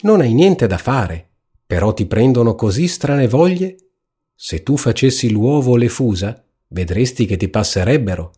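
A man's voice: mid-range voice, lively intonation, normal speed, mellow, husky. A man reading a storybook aloud, voicing a fussy, self-important hen who lectures in an ironic, preachy way. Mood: scolding.

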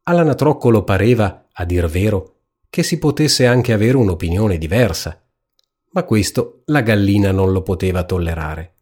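Husky low-voiced male storyteller. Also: expressive, moderate pace, a little mellow. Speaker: narrator. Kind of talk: storybook reading.

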